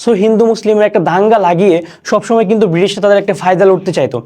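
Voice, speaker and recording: A young man teaching an online class, explaining each word slowly and repeating questions and answers. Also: high voice, mellow. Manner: recites poem lines slowly.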